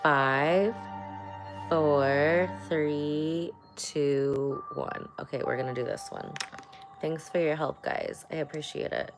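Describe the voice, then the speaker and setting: A woman's voice: low-pitched, steady tone, slow, low-quality recording. A woman talking casually and candidly as a beauty vlogger, muttering little reassurances to herself as she gets ready. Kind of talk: casual get-ready-with-me chat. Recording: music playing behind the voice.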